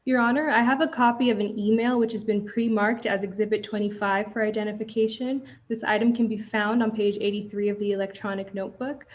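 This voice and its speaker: In a courtroom recording with dull audio, a young woman acting as trial advocate examines a witness and speaks to the bench. Her mid-range voice stays steady, her manner measured and formal.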